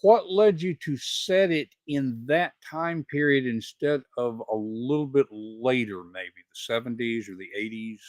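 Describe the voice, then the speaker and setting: A man's voice: medium pitch, measured pace, few pauses, dry recording, studio quality. Older Southern man hosting an interview. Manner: conversational, thinking aloud. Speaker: host.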